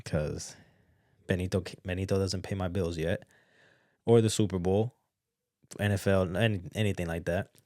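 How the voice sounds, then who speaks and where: Very deep-voiced chatty man, dry close sound. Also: normal speed, pauses often, dry recording. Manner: chatty, repeats words, excitable bursts. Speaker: podcast host. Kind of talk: casual solo commentary.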